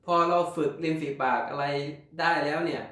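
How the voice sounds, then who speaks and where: A man's voice: fairly high pitch, brisk, pushed and bright, very echoey. A man hosting a casual vlog lesson on English pronunciation, repeating sounds over and over to demonstrate them.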